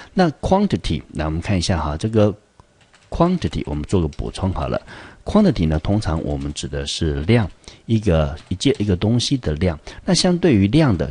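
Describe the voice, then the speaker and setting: Low husky Taiwanese Mandarin teacher. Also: male voice, mellow, no room sound. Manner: explanatory, drawn-out, stressing key words. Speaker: English teacher. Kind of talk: vocabulary lesson.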